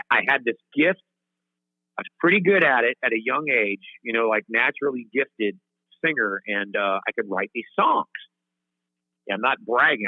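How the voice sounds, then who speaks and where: A singer-songwriter guest with a mid-range voice rambles through stories in an interview, cutting himself off and laughing at himself. He's heard on a tinny phone line with no echo.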